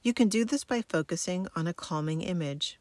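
A woman giving scripted guided relaxation in the slow, soothing, step-by-step manner of a sleep narrator. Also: fairly low pitch, darkish tone, no echo. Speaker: wellness instructor giving guidance and homework.

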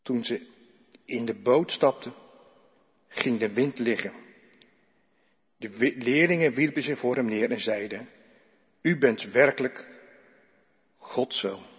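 Slow husky man reading scripture. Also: medium pitch. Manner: measured, deliberate reading. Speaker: scripture reader. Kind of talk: slow solemn Bible reading. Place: church. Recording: echoey church hall, dull lo-fi sound.

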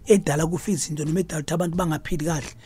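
Very fast, husky man with a Zulu accent. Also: fairly high pitch, steady tone, mellow. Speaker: traditional healer, guest expert. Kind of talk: explaining on a radio advice show.

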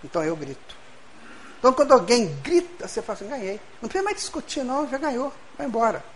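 A man's voice: extremely high pitch, lively intonation, very fast, slight background noise. Folksy Brazilian man giving a lecture. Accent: Brazilian Portuguese. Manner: folksy, acts out dialogues, talks to the group. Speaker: speaker leading a study group. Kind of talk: spiritual lecture.

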